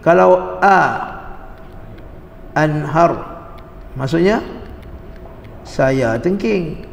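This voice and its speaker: A man's voice: on the high side, extremely slow, creaky, a little hiss or hum. A man teaching a religious class on Arabic grammar. He is patient, quizzes his students and repeats key words. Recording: echoey hall with long reverb.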